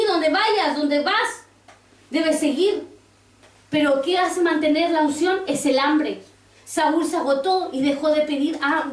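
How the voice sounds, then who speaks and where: A woman pastor preaching a sermon, quoting scripture and asking the congregation questions. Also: high-pitched. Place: church. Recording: roomy church sound from a distance.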